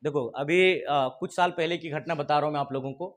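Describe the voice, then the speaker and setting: Animated high-voiced male English teacher. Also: fairly quick. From India. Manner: animated, prompting the class to repeat lines aloud. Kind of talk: classroom lesson with drills and anecdotes.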